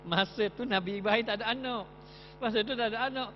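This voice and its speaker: A man's voice: high-pitched, normal speed, big-room sound, muffled recording, a little hiss or hum. A male religious teacher giving an evening mosque lecture, telling stories and asking rhetorical questions.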